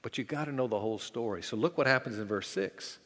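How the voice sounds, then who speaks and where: A male pastor preaching a sermon, dramatic in delivery, rising loud and falling to a hush. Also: medium pitch, fast, long reverb tail.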